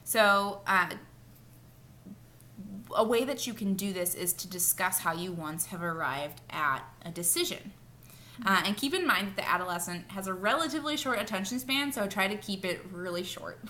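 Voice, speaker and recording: A woman's voice: medium pitch, expressive, normal speed, bright, forceful tone, a little hiss or hum. A woman co-leading a mentor training, talking through slides in a plain, friendly way. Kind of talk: casual training talk.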